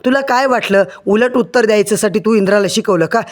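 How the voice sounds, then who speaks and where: A man's voice: high-pitched, fast talker, natural voice. Man voicing a furious scolding mother-in-law. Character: angry scolding middle-aged mother-in-law.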